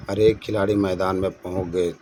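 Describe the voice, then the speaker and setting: A man's voice: low voice, flat delivery, brisk, mellow, a little hiss or hum. A man hosting his own channel, teaching an exam-prep language lesson and explaining each answer by repeating the correct form. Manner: addresses viewers as friends.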